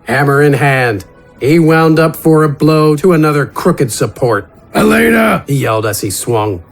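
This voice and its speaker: A narrator and voice actor, this man tells a scripted fantasy adventure in a dramatic storytelling manner over background music. He speaks at normal speed in a medium-pitched voice.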